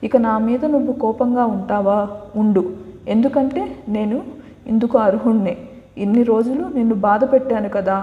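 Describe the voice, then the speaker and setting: A woman's voice: a little high, moderate pace, narrow, tinny audio, close to an everyday voice. Teasing young husband, read by a woman. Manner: playful teasing. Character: teasing, loving young husband, affectionate and bossy. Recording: echoey room with long reverb.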